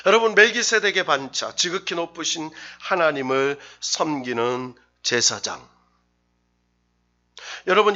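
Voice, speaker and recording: A man's voice: high-pitched, sharp tone, highs cut off. A man preaching a Wednesday sermon as a pastor, stressing words and leading the congregation in reading scripture aloud. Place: church sanctuary.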